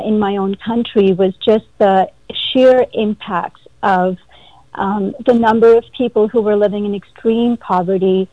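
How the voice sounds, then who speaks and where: A woman who grew up in India, a guest calling in, speaking in an earnest, measured way. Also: mid-range voice, no room sound. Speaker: guest, executive director. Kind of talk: casual interview over a call. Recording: dull phone-call audio.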